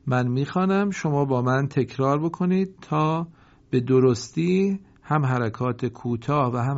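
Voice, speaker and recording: A man teaching Quran reading in a recorded lesson, with a mid-pitched voice. He chants each example word slowly and melodically, then explains in brisk asides. The recording sounds dull and lo-fi. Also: vocal fry, darkish tone. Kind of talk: recorded reading lesson with repeat-after-me drills.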